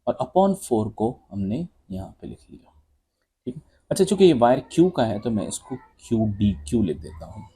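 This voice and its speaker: A man's voice: fairly low pitch, dark tone, husky. A man teaching physics, working through exam questions step by step and calling his students "beta" and "bhai". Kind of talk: exam solution walkthrough lesson.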